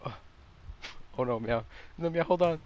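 A woman's voice: low voice, moderate pace, a little mellow. A woman in playful multiplayer gaming chat, talking in a theatrical, pleading way. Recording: very noisy game voice recording.

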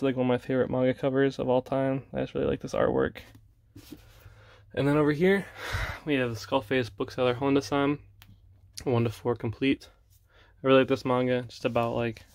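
A young man in a relaxed home video, talking through his collection with lots of fillers and quiet laughs. His delivery stays level and monotone, and the room sound is dry and close. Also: medium pitch, no room sound. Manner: relaxed, rambling, frequent fillers and soft laughs. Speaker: manga collection vlogger. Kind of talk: casual collection showcase.

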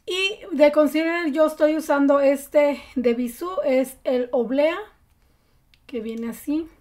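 Mellow-voiced woman giving a makeup tutorial. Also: high voice, slow pace. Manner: relaxed, chatty, with many fillers. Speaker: beauty vlogger.

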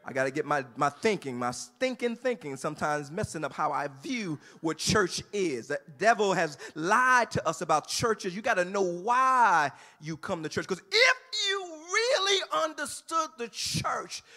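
High, bright-voiced preaching man. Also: measured pace, hardly any pauses. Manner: builds from calm teaching to shouted, sing-song preaching. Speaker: pastor. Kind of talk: sermon. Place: church sanctuary.

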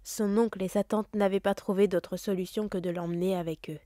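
A woman reading a children's novel aloud with steady, expressive storytelling. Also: mid-range voice, a little fast, no echo, clean studio sound. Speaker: audiobook reader.

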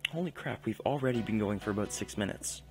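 This gaming channel host is a young man whose low-side voice has fairly even intonation and a quick pace. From his room at home, over faint background music, he casually narrates his play in a chatty, self-interrupting way.

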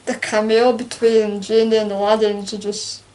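A woman's voice: mid-range voice, normal speed. A young woman chatting casually about a film she watched, acting out lines and laughing as she goes. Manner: chatty and animated, acts out quotes with laughs. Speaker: co-host. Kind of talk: casual chat reviewing a film.

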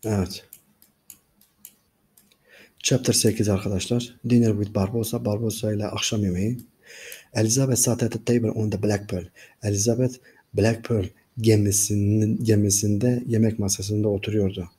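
A man's voice: fairly low pitch, level tone, normal speed, pauses often, warm tone, husky. A man with a Turkish accent, teaching by reading a storybook line by line in English and then explaining each line to his class. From Turkey. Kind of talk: reading a graded reader aloud and translating.

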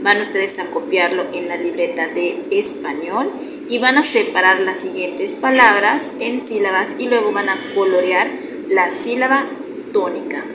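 A woman with a Mexican Spanish accent, a primary school teacher, summarizing the day's class slowly and directly for her pupils. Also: medium pitch. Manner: slow, explanatory, addresses pupils directly. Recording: roomy echo with clear background noise.

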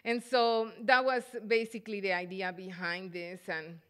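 A middle-aged woman from El Salvador gives an artist's lecture at a podium microphone, thoughtful and halting with frequent fillers. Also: mid-range voice, flat delivery, fairly bright tone, clean tone. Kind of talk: lecture presentation.

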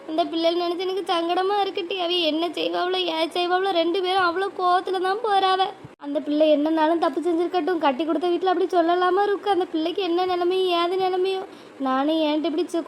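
A fretful middle-aged village mother in a cartoon. She talks in long pleading runs of advice, her voice pitched very high. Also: a little hiss or hum. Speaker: cartoon voice actor. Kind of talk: cartoon voice acting.

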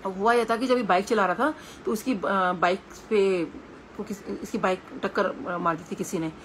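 A middle-aged woman with an Indian Hindi accent gives a devotional satsang talk filled with personal stories, speaking earnestly and with conversational hesitations. Her voice is medium-pitched at a moderate pace, with slight background noise.

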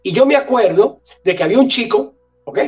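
A man from Galicia, Spain, a guest telling an anecdote in an animated way and acting out the dialogue. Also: very high voice, fairly quick, far from the mic, highs cut off, soft background music. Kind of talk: storytelling anecdote.

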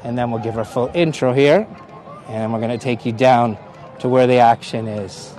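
A middle-aged Canadian-accented tour guide chats on a casual live stream from an outdoor hilltop park, frequently laughing and saying hello to viewers by name. He speaks at normal speed in a mid-range, darkish voice, with soft background music. He's filmed on a phone on a gimbal at arm's length.

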